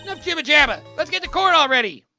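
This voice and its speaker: A man voicing a pompous, rude ventriloquist dummy with a squeaky, strained voice, in a video game read-through. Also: very animated, fast talker, vocal fry, pushed and bright, faint music behind, full character voice. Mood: haughty. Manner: pompous, brash.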